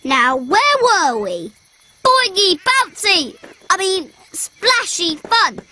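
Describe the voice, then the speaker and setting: A woman's voice: very high voice, sing-song, takes it slowly, pushed and bright, no echo, exaggerated voice. A woman voicing a cheerful, forgetful little male lion cub in a preschool cartoon, bouncy and sing-song. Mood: playful. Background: cartoon music.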